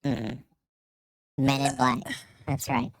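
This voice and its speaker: A man, a family member chiming in from off-mic while gaming, rambling and halting with many fillers. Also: mid-range voice, little pitch movement, no echo. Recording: distant from mic, loud synth music behind.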